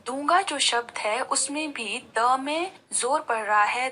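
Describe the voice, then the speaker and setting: A woman's voice: a little high, pushed and bright, slight background noise. A woman teacher giving a patient Hindi spelling lesson to school pupils, stressing each syllable as she says the words aloud.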